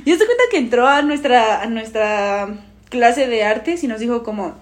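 A young woman, telling a school story in animated casual chat, often laughing and mimicking voices. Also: a little high, normal speed.

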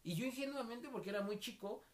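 Talking fast in an extremely high voice, a young Mexican man co-hosts an easygoing podcast. He's from the State of Mexico and has a Mexican Spanish accent. His anecdotes are packed with slang, and he acts out the voices of the people in them.

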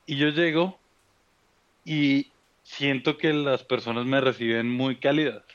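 Colombian man, Bogotá accent, relaxed storyteller, muffled dry audio. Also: mid-range voice, a little slow, no echo. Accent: Bogotá Colombian (rolo). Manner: relaxed, storytelling with many fillers. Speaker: guest. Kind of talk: casual interview conversation.

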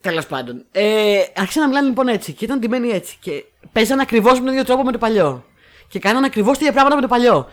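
A woman co-hosting a casual podcast, chatting about films in an animated, sarcastic way and acting out lines she quotes. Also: a little high. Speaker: podcast co-host. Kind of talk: casual chat reviewing films.

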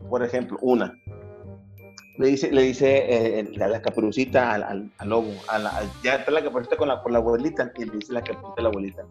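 A man's voice: mid-range voice, fast, a little mellow, soft background music. A middle-aged Mexican man telling jokes in a casual, rambling way, repeating words and using playful slang.

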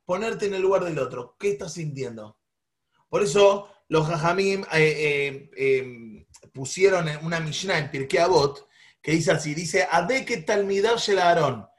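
Rioplatense male teacher, high voice, lively, questions the class. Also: a little slow. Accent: Rioplatense Spanish. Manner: animated, asks the class questions, acts out quarrels. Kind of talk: classroom lesson.

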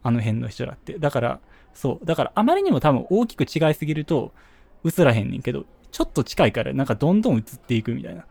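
A young man with a Kansai accent, chatting casually as a podcast co-host, musing with quick asides. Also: medium pitch, big pitch swings, gravelly, darkish tone, dry recording. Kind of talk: casual chat.

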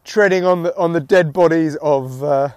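A middle-aged British man with a slightly higher-pitched voice rambles in a casual, wry, sweary way. He records outdoors while walking, using his headphones as a microphone close to his neck, so the sound is dry with no echo. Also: normal speed, clear, resonant tone. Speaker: podcast host and comedian. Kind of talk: casual solo chat, rambling audio diary. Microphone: headphone mic near the neck.

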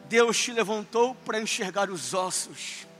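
A pastor preaching with a very high, bright and forceful voice. His sermon swells from earnest storytelling to impassioned cries, with faint music playing under his words in the church. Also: lively intonation, measured pace. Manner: impassioned preaching, rising to shouts.

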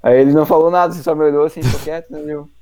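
A man's voice: fairly high pitch, steady tone, very fast, warm tone, no room sound. A young man telling a story in a slangy, rambling way full of fillers on a casual podcast.

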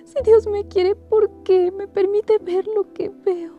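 A woman's voice: flat delivery, slow, lo-fi sound, soft background music, heavily acted. A woman voicing a sobbing young daughter. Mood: anguished pleading. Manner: sobbing, pleading, high-pitched. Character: grieving young woman pleading over dying mother. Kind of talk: dramatic audiobook reading.

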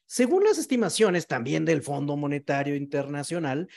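Male podcast host with lively, swooping intonation. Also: on the high side, moderate pace, creaky. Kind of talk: conversational interview hosting.

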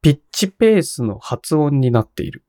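A man's voice: on the high side, very animated, fairly quick, warm tone, no echo, clean studio sound. A man co-hosting a casual podcast chat, explaining things with laughs and asides, coughing now and then. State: coughing a lot today. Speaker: podcast co-host.

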